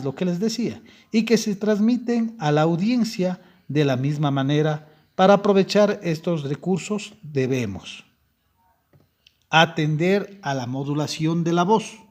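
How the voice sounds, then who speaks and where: Man, young adult, high voice, language teacher, lecture, checks understanding often, self-corrects. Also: a little mellow. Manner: explains step by step, checks in with "¿sí?"; frequent self-corrections and restarts. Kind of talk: classroom lecture.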